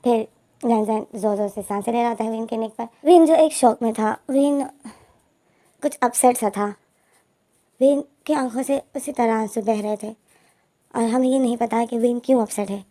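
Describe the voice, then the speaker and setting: A woman retells a fan fiction story in plain, repetitive narration. Her voice is fairly high for a woman and warm, with no edge. She keeps circling back over the same names and events. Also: normal speed.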